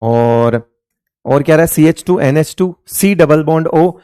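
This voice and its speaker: A man's voice: on the high side, slow, warm tone, clean tone, no echo, clean studio sound. Hindi-speaking male chemistry teacher drilling a class. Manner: repeats questions to the class and answers them himself; addresses students fondly as beta and raja. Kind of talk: classroom lecture.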